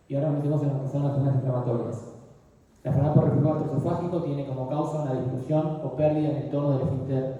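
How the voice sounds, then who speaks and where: An older man lectures on radiology, often pausing to ask his students whether they follow. His voice is dark and mellow, and it is picked up from a distance in a very echoey room with a long reverb tail, on a dull, muffled recording. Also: medium pitch. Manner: explanatory, frequently checks understanding with "¿sí?".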